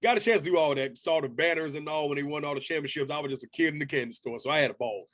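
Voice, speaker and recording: A man's voice: on the high side, very fast, a bit bright, no echo, studio quality. A man in his thirties hosting a casual interview over a video call, upbeat and chatty with a slangy manner. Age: 30s. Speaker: interview host.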